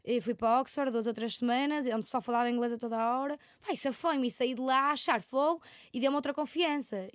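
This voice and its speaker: Young woman, European Portuguese accent, rapid rambling storyteller, higher pitch, dry close mic. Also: no room sound. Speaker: podcast co-host. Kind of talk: casual chat.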